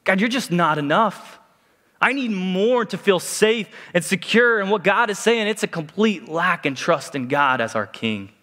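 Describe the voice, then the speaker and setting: A man's voice: high voice, animated, unhurried, sharp tone. A young adult man preaching a sermon in a church, talking conversationally and asking the congregation questions. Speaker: pastor. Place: church sanctuary. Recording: long hall reverb.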